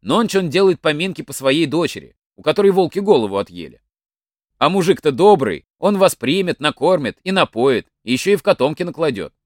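A man's voice: on the high side, sing-song, a little fast, dry recording, studio quality. A man voicing a sly young village lad in a folk tale, bold and cheeky.

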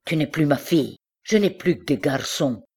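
A woman reading aloud puts on a proud old farmer, gruff and scolding, whose voice turns to a trembling lament. The timbre sits low and altered, set apart from the narration of an audiobook. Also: expressive, normal speed, a little mellow, full character voice. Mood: furious.

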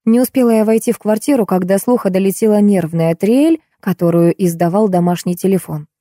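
Warm woman narrating a detective novel. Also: medium pitch, brisk, no room sound, studio quality. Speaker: audiobook narrator. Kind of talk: scripted narration.

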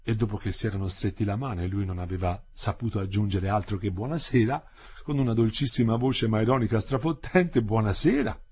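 A man reading a novel aloud in a measured, expressive storytelling manner. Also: lowish voice, husky. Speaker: audiobook narrator. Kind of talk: literary audiobook reading.

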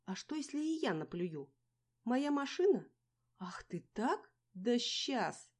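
A woman putting on a shrill, snappy young woman. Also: very animated, takes it slowly, full character voice. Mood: shrill, arguing. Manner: snappy, exasperated arguing. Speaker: character in an audiobook.

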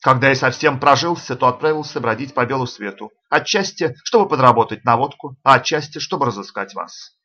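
A man reading the part of a fawning, sly old vagabond ex-soldier with a hoarse voice, as audiobook character reading. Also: medium pitch, animated, fairly quick, hardly any pauses, sharp tone, highs cut off. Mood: mocking. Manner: wheedling, mocking.

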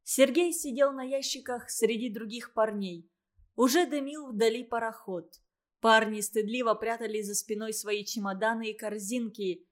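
Female narrator for a classic novel audiobook, measured and expressive, highish voice.

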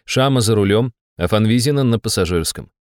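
A man narrating an audiobook in a lively, wry manner. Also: on the low side, brisk, dry recording, studio quality.

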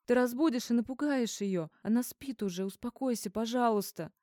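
A woman's voice: fairly high pitch, normal speed, warm tone, no echo, clean studio sound, voice pushed up, natural voice. A woman voicing a frightened young woman who pleads in a trembling voice in an audiobook. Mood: pleading.

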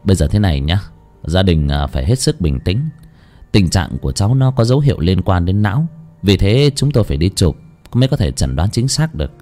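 Steady grave doctor, low voice, explains slowly, as a storyteller puts him on. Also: male voice, faint music behind. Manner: measured, explanatory. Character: calm middle-aged male surgeon, measured, grave.

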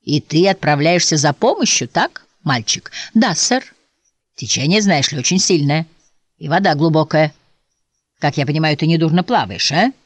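A woman voicing a huge, pompous old boar who leads the herd, speaking in a low, blustering, gruff way. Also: animated, moderate pace, no echo.

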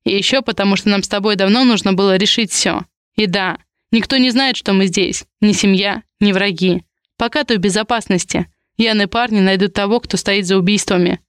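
A woman's voice: medium pitch, brisk, clear, resonant tone, no echo, clean studio sound, lightly acted. A woman voicing a blunt, possessive tough guy. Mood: gruff. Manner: blunt, clipped, slangy lines. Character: tough, possessive young man, blunt and protective.

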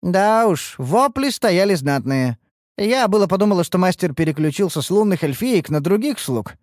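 A man voicing a teasing, sharp-tongued young woman. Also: high voice, lively intonation, normal speed, dry recording, studio quality, voice pushed up. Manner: mocking.

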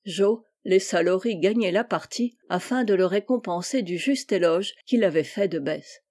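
A woman reading a classic novel aloud as an audiobook, with even storytelling delivery. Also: mid-range voice, normal speed. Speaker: audiobook reader.

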